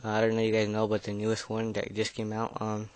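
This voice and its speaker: A man's voice: on the low side, completely flat delivery, quick pace, no room sound. A nervous fifteen-year-old boy giving a casual gameplay commentary, mumbling and hesitant, his speech slightly slurred by braces. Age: teenager, fifteen. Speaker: gaming video creator.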